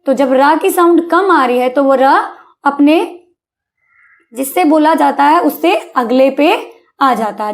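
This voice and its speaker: A woman teaching a Hindi vocabulary lesson to children, coaxing them with "hai na?" and spelling words out slowly. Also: high voice. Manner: coaxing, calls listeners beta, asks "hai na?".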